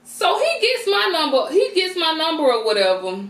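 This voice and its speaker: High-pitched female mukbang vlogger, slangy and conversational, talking with mouth full in an echoey room. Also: wildly swooping pitch, normal speed, a bit bright, distant mic. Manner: talks with mouth full while eating. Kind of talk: casual storytime chat.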